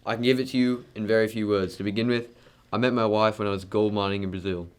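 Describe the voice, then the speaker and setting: Man acting a wealthy male husband, radio drama, proud, blunt, defensive, low-pitched, even delivery. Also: fast talker, clean tone, close to an everyday voice. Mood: guarded, blunt.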